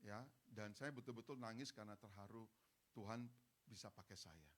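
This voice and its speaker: A man's voice: on the low side, normal speed. A middle-aged man, preaching a sermon and acting out the voices in his story. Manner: animated, acts out dialogue in different voices. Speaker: pastor. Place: church hall.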